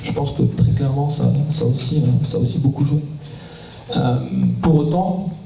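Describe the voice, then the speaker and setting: This is a startup cofounder, a man in his forties from southern France, explaining his company in a round-table panel conversation, often hesitating with fillers. His medium-pitched voice is warm and gravelly, at a moderate pace, with faint music behind. The conference hall echoes, the mic is distant, and faint noise is present.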